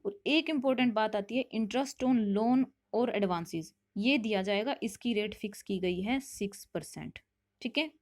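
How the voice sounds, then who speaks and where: A woman teaching commerce for competitive exams. She reads English multiple-choice questions out slowly and then explains each one quickly, often stopping to check with "theek hai". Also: mid-range voice, a little mellow.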